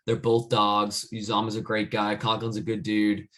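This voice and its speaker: A man's voice: on the low side, monotone, moderate pace, fairly bright tone. Rambling man talking football. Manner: rambling, many restarts and "I mean". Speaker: podcast co-host. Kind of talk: casual sports chat.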